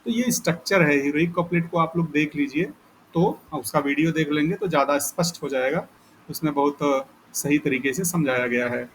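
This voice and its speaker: A man's voice: fairly high pitch, normal speed, slight background noise, poor audio. A male teacher giving a lecture, explaining patiently and repeating key points with frequent check-ins. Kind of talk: classroom lecture.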